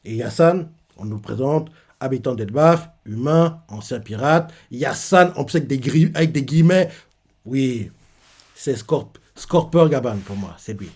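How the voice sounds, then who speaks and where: A man hosting a live reaction to a manga chapter, retelling it in an animated way with lots of fillers. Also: medium pitch, unhurried, slightly rough.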